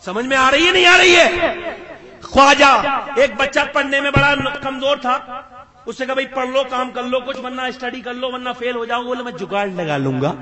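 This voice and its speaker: A man preaching at a religious conference, chanting and shouting his high points and urging the crowd to call back. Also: echoey room. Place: large conference before a crowd. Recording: loud crowd noise behind.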